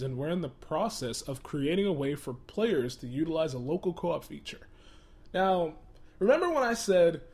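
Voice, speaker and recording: A man's voice: fairly high pitch, a little mellow. Exasperated man venting with laughs. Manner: exasperated, laughs often, repeats words. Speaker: gaming video host. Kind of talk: casual commentary video.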